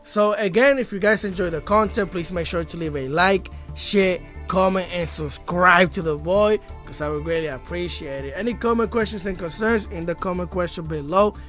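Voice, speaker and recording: He's a gaming YouTuber with a cold, his congested voice high-pitched and fairly bright as he trash-talks in slang over card game replays. He speaks at a normal speed with hardly any pauses, keeping the commentary casual and hyped while faint music runs behind.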